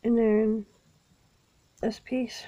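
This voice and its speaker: A woman with a sniffly cold, calmly narrating each step of building a small toy set in a casual vlog. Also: a little high, very slow, highs cut off. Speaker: toy vlogger. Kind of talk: casual unboxing and building walkthrough.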